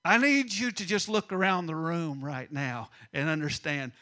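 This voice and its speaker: A middle-aged man preaching a sermon, swinging between loud emphasis and hushed asides. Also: on the high side, moderate pace. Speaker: pastor.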